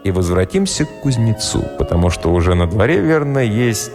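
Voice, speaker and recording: A male audiobook narrator telling a story with lively, rising and falling intonation. His voice carries a long, roomy reverb. Soft music runs quietly underneath. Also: on the low side, brisk. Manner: expressive storytelling. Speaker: audiobook reader. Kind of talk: scripted narration.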